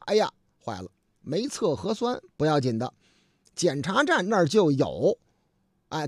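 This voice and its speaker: High, lively radio host. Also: male voice, dry recording, clean studio sound. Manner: colloquial, lots of fillers and asides. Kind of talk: chatty radio storytelling. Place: radio studio.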